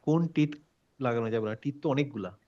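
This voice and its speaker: A man's voice: mid-range voice, fairly quick, warm tone. A man teaching a recitation class online, patiently recapping and asking his students questions. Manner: patient, checks understanding with questions, mixes in English words. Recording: dull lo-fi call audio.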